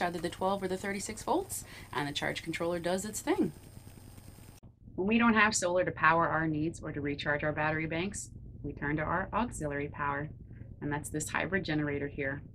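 A woman in her thirties, a sailing vlogger, explaining her boat's power setup in a clear, informative tour-guide way from inside a cramped engine room. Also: on the low side, fairly bright tone, a little hiss or hum.

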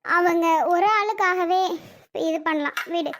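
A woman's voice: very high-pitched, unhurried, background noise. A woman voicing several bickering and tearful women relatives in a family skit, talking in a chatty, exclamatory way.

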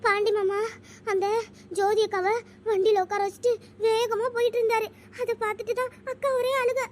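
Someone doing a squeaky eager little girl. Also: flat delivery, a little fast. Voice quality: very high-pitched, squeaky. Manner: eager, breathless reporting. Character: chatty little village girl, the younger sister. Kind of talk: cartoon voice acting.

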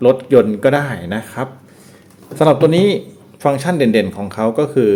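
Casting: male reviewer, mid-pitched, relaxed walk-through of a home camera. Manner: relaxed, explains step by step with frequent polite particles. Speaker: product reviewer. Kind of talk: casual product review.

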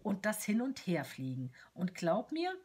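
A woman's voice: medium pitch, wildly swooping pitch, measured pace, darkish tone, slightly rough, exaggerated voice. A woman reading aloud a chirpy, playful letter written in the voice of a tiny cheerful female companion doll with short arms. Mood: chirpy, tender.

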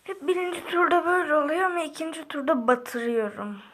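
A young woman giving casual gameplay commentary, often frustrated and muttering to herself to stay calm. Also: sits high, brisk. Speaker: gameplay video creator.

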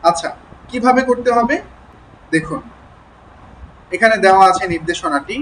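A man's voice: sits high, expressive, normal speed, a bit bright, a little hiss or hum, rough recording. A man teaching a lesson on jaw exercises and pronunciation drills, chatting with listeners and checking they follow. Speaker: teacher of standard Bengali pronunciation.

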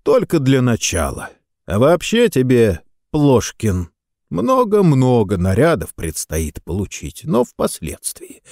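A male narrator reads a science fiction story with dramatic, expressive storytelling. His pitch moves widely through each phrase, and the voice sits at a medium pitch. The recording is dry and close. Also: takes it slowly, dry recording. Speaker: audiobook narrator. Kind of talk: expressive audiobook reading.

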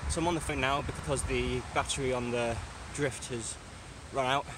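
Young English man, cycling vlogger, out of breath, middle pitch, outdoors, clear wind and road noise. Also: steady tone, normal speed. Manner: chatty, breathless between climbs. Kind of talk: casual vlog talk to camera. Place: outdoors on a bike on country lanes. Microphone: action camera on the bike, close.

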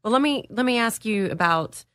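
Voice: medium pitch, animated, normal speed, a bit bright, no echo, clean studio sound. A host interviewing a guest, asking curious questions and chiming in with short acknowledgments.

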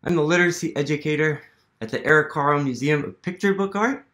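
A little high and a bit bright, the man's voice moves at a quick pace. He is a thirtysomething American museum literacy educator running a children's storytime at home in a small living room, encouraging the kids and asking them questions.

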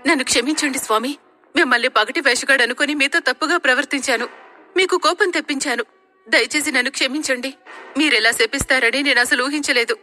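A woman voicing a proud young woman, a priest's daughter, who talks in a scornful, sharp-tongued way. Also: high-pitched, brisk, faint music behind, pitched above the performer's own voice. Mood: pleading.

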